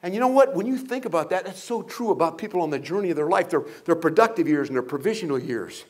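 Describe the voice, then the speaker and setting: A man's voice: on the high side, lively intonation, fast talker. An older man speaking as a guest at a motivational event, telling humorous stories, asking the audience questions and acting out voices. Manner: humorous storytelling with jokes and acted-out voices; asks the audience rhetorical questions.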